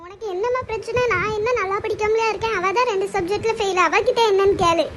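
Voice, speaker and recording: A bossy teenage girl tattles and whines to her mother, as a woman voices her. Her very high voice pleads in a cartoon family comedy. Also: fast, a little hiss or hum. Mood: tattling. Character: Ramya, bossy tattling elder teen daughter.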